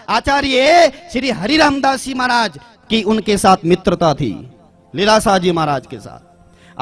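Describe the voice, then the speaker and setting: A man addressing a religious gathering in a formal public talk, reading out a long list of names in slow, repeated phrasing. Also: very high-pitched, a bit bright.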